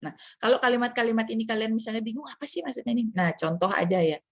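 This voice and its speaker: Chatty woman lecturer, higher voice. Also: racing, dry recording. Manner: chatty, asks many rhetorical questions, acts out examples. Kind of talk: casual online lecture.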